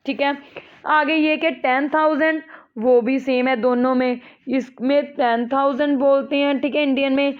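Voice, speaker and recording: A high-pitched woman teaches a school math class, patient and repetitive. She keeps checking that her students follow along. Her voice comes through thin and tinny, like a phone line. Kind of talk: explaining a class 6 math lesson.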